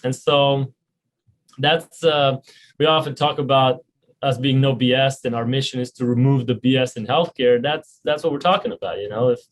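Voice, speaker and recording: A man's voice: mid-range voice, normal speed, poor audio. A man, a founder and CEO being interviewed on a podcast, talking earnestly with many restarts and filler words. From Romania. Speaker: health insurance company founder and CEO.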